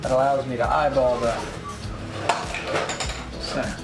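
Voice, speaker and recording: A man with an average-pitched voice talks casually through a woodworking project. He is chatty and a bit self-deprecating. He is recorded in an echoey garage with clear background music. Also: fairly even intonation, measured pace. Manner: chatty and self-deprecating, explains steps as he works. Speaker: host of a DIY project channel. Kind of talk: casual workshop vlog narration. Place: home garage workshop.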